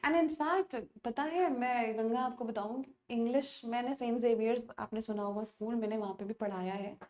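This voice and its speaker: A woman's voice: fairly high pitch, normal speed, darkish tone, reverberant. A woman English teacher giving an online class lecture, mixing Hindi and English in a coaxing, chatty way.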